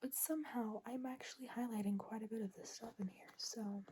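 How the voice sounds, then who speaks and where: A young woman vlogging from bed at midnight, talking in a hushed, chatty whisper full of fillers. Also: fairly high pitch, fairly even intonation, brisk, slight background noise. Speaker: book vlogger. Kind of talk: late-night casual vlog. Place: in bed at night.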